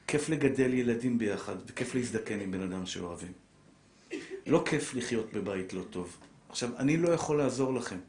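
A middle-aged man giving a religious lecture on marriage, animated and preacherly, swinging between soft, low lines and raised, pressing ones. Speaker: rabbi lecturer. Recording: echoey room.

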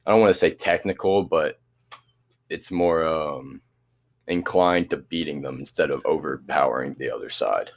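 A man's voice: rumbling low, normal speed, vocal fry. A teenage boy athlete answering interview questions in an easygoing, hesitant way, with many restarts. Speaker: student athlete.

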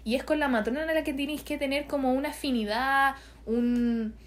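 A woman's voice: sits high, fairly even intonation, normal speed. A young woman with a Chilean accent, telling her own story in casual chat and acting out what people said to her.

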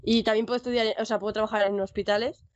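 A young woman with a Spanish accent talks fast and chattily about her streaming. The sound is a bit dull and lo-fi, with no room echo at all. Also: mid-range voice, fairly even intonation. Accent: Spain Spanish. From Spain. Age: young adult. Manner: quick chatty talk with frequent "en plan" and "sabes". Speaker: streamer guest. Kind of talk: casual podcast chat.

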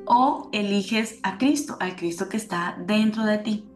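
In an unhurried mid-range voice, a spiritual speaker shares an emotional personal story that becomes a spiritual lesson. The room is echoey, with faint music behind her.

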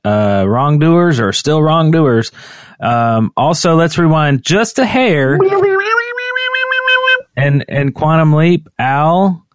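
A man co-hosting a podcast in casual chat, easygoing and quick to agree. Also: on the high side, lively intonation, clean tone, no echo. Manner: easygoing, brief agreeing replies. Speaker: podcast co-host.

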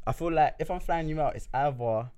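A man's voice: on the high side, brisk, darkish tone, smooth. Young man with a London roadman accent. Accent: London, urban roadman slang. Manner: slangy, stop-start, repeats phrases. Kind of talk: casual group debate.

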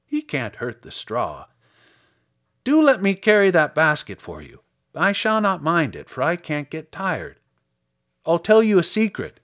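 A man voicing a friendly, naive living scarecrow stuffed with straw, husky, polite and earnest, in a storybook reading. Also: fairly high pitch, wildly swooping pitch, measured pace, fairly bright tone, pitched above the performer's own voice, exaggerated voice. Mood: breezy, confiding.

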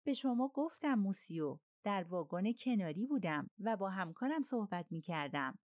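A woman's voice: very animated, darkish tone, no echo, clean studio sound, natural voice. A woman voicing a frightened male train conductor who protests his innocence in a raised, insistent voice. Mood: pleading. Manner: protesting, high-strung and insistent.

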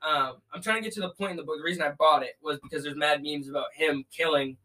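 A man's voice: on the high side, fast, pushed and bright, poor audio. A young man hosting a casual podcast in a slangy, profane frat-bro manner. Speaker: podcast host.

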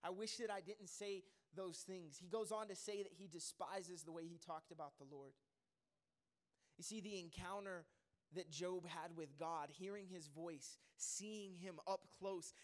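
A man with a high voice preaching a sermon to his congregation. He keeps it lively and joking, wandering off with fillers and restarts before he gets back on track. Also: measured pace.

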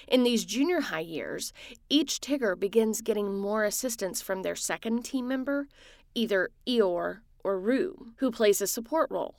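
A woman giving scripted, explanatory narration in an even voice. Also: mid-range voice, moderate pace, creaky, no room sound, clean studio sound.

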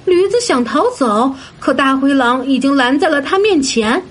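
A woman narrating a children's story in a gentle, sing-song manner, addressing young listeners. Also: high-pitched, animated, moderate pace. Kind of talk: scripted bedtime story narration. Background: soft background music.

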